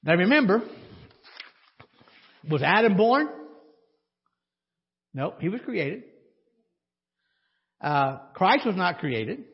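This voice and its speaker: Husky-voiced man preaching in a church. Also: sits high, very animated, slow, long pauses. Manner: conversational, asks the congregation questions, dry sarcasm. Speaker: pastor. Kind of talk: sermon. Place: church sanctuary. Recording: dull audio with long church reverb.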